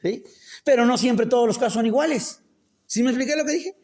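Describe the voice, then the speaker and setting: A man's voice: very high-pitched, brisk, a little mellow. A man preaching a casual sermon. He keeps quizzing the congregation with rhetorical questions and makes joking asides. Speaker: pastor. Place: church.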